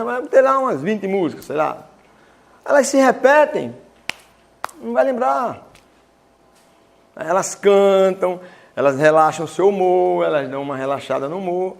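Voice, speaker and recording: A man's voice: high voice, vocal fry. A man giving a talk to students, telling stories and acting out the voices in them. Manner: animated storytelling with voiced quotes. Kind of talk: lecture to students.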